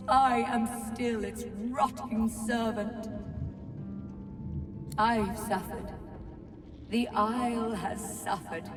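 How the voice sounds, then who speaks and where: Unearthly, echoing female tree spirit. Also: on the high side. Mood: solemn sorrow. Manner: unearthly, solemn, haunted. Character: sorrowful ancient female tree spirit, grave and pleading. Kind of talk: dramatic video game acting. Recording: echoing hall reverb, distant, music behind.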